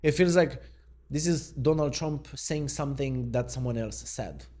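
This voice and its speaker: A man's voice: medium pitch, measured pace, a little mellow. A man, a mindset coach, thinking aloud in an unscripted reaction video, laid-back and questioning as he goes. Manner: musing, thinks aloud and questions what he reads.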